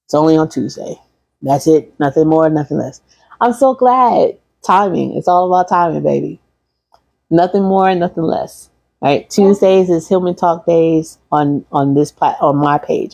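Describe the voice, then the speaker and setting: A Michigan woman who works as a holistic practitioner closes out her livestream class in a casual, rambling, repetitive way, chatting with her viewers. Her deep voice is a little slow and dark, with vocal fry and no room sound.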